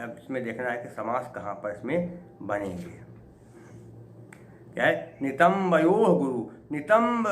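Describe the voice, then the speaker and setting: Man lecturing, measured delivery, roomy echo, faint background hiss. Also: mid-range voice. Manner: chants verse slowly, then explains quickly with rhetorical questions. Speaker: Sanskrit lecturer. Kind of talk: classroom explanation of Sanskrit verse. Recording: echoey room with faint ambient noise.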